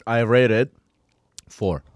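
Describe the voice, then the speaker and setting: A man's voice: medium pitch, slow, no room sound. A man co-hosting a casual podcast, playful and full of questions, on a close studio mic. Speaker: podcast co-host.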